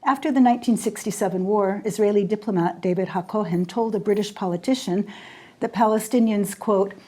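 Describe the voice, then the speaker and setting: Older woman scholar from Jordan delivering a formal lecture; measured, warm, dark-toned voice. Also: medium pitch. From raised in Jordan. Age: 60s. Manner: measured, deliberate delivery with weighty pauses. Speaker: poet and scholar giving a lecture.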